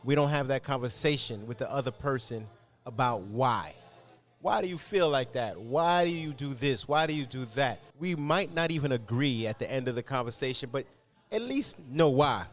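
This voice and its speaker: A man from Costa Rica and New York hosting a podcast, talking loud and hyped with street slang in a casual interview. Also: medium pitch, lively intonation, normal speed. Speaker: podcast host.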